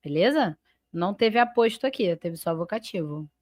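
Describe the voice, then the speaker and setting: A Brazilian woman runs a live online grammar class in a lowish, animated voice with a darkish tone and moderate pace. Explaining step by step and regularly checking on her students, she draws out and stresses key terms as she labels each sentence's parts. Clean studio sound, no echo.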